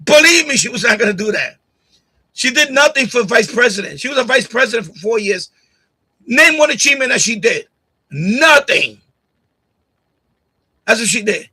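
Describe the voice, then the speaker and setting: A man from Puerto Rico runs a casual live stream from his home setup on a boom-arm USB condenser mic, bluntly arguing with commenters, repeating himself and laughing a lot. His extremely high voice is sing-song, sharp and husky, at normal speed with frequent pauses, and the audio is poor.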